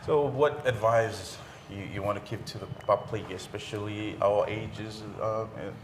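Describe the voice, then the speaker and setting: A man's voice: fairly low pitch, steady tone. Hesitant male interviewer. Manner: halting, many fillers, switches to Samoan. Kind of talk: casual interview. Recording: echoey room with faint noise.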